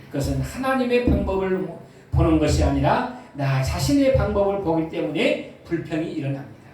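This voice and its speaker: A man's voice: high-pitched, a little mellow, a little hiss or hum. A male pastor preaching a sermon, asking the congregation questions as he goes. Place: church sanctuary. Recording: echoey church sound from far off.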